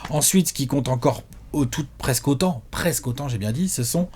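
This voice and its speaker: A man's voice: mid-range voice, brisk, breathy edge. Emphatic man arguing in casual debate. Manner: animated, emphatic, argues his point. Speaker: co-host ranking players.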